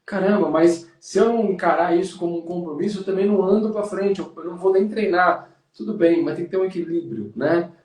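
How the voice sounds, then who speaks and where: A Brazilian man hosting a casual podcast, talking in an upbeat, motivational way as a running coach. His voice sits a bit high for a man. It sounds roomy and set back from the microphone. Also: brisk, few pauses, darkish tone, distant mic. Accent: Brazilian Portuguese. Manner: motivational, addresses listener as "cara".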